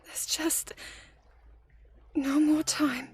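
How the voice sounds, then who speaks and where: A woman playing an anguished young princess burdened by duty in a video game, speaking in a solemn, emotional, measured way. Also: sits high, level tone. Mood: grave distress. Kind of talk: dramatic video game cutscene acting.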